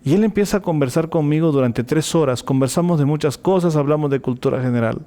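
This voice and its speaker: A man's voice: a little high, fast talker, warm tone. A man telling a personal faith testimony as an interview guest, acting out the dialogue vividly.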